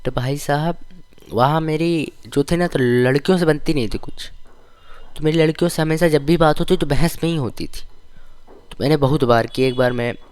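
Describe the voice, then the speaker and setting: A young man casually telling stories from his school days, with a lively, slangy, complaining manner. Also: fairly high pitch, moderate pace, clear, resonant tone, no room sound. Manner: animated, slangy, complaining storytelling. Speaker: vlogger.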